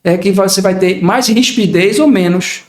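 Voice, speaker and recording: A man's voice: high voice, normal speed, echoey room. An older man, a podcast guest talking in a reflective way and acting out everyday examples. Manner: reflective, explains with acted-out examples. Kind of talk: casual podcast conversation.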